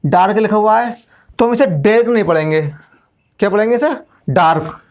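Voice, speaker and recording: A man's voice: sits high, brisk, a little mellow. A male English teacher, giving a classroom lesson and explaining step by step, asking questions and then answering them himself.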